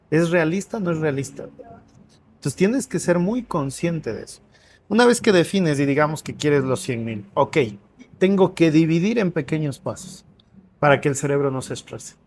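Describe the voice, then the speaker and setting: A man with a somewhat high voice talks as an interview guest in a café. He explains things conversationally and with energy, often asking a question and answering it himself. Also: a little hiss or hum. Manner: animated, asks and answers own questions.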